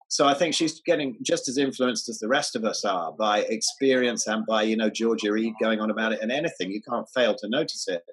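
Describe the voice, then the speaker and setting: A man's voice: on the low side, a bit bright, husky, poor audio. A man talking as an interview guest, enthusiastic, stumbling over false starts and repeated words. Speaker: guest, health writer. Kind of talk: casual interview chat.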